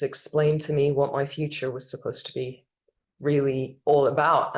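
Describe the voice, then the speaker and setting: A middle-aged woman sharing a personal story at an online memorial ceremony, animated and acting out what people said. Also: very deep voice. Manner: animated, acts out quoted voices. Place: online video call.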